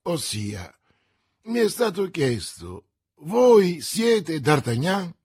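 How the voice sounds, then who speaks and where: A calm, aloof musketeer, as a man puts him on in an audiobook, answering with slow, dry irony. His husky voice stays unhurried and composed. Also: a little high, voice pushed up, full character voice. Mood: ironic. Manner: slow, unruffled, dryly ironic. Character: calm, aloof male musketeer around thirty.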